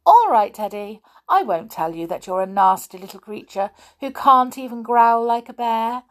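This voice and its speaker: A big naughty doll, bossy and smug, teases the other toys in a high voice that swoops up and down, as a woman storyteller puts her on. She talks grandly and slowly, like a spoiled storybook girl. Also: very animated, heavily acted. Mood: smug teasing.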